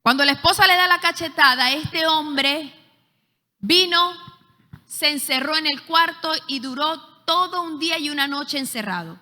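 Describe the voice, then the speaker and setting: Woman telling church stories, bright high voice, lots of ehs, echoey hall. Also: normal speed. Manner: lively storyteller, frequent hesitations. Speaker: leadership school teacher. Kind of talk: church teaching with storytelling.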